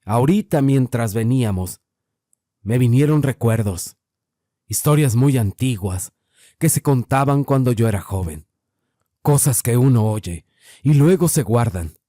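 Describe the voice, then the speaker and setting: A man voicing an older rural mountain man, grave and wary, speaking slowly and low. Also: animated, warm tone, dry recording, studio quality, lightly acted. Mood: grave warning.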